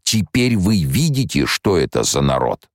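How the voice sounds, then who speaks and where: A man's voice: sits low, big pitch swings, normal speed, dry recording, studio quality, pitched above the performer's own voice. A man voicing a frightened, cornered baron in an audiobook, protesting and pleading. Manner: protesting, plaintive. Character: fat frightened male baron, pleading and wheedling.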